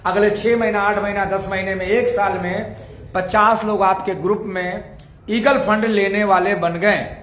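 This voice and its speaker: A man's voice: high voice, steady tone, unhurried, fairly bright tone, roomy sound. A man leading a motivational network-marketing training, using rhetorical questions and repeating key points to drive them home. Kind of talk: motivational sales training talk.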